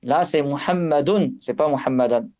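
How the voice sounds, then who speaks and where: A man's voice: on the high side, a little mellow. Guy teaching recitation rules, lots of euh and restarts, chants the arabic bits. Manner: explains slowly, with many fillers and restarts. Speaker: religious teacher. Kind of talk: tajwid lesson.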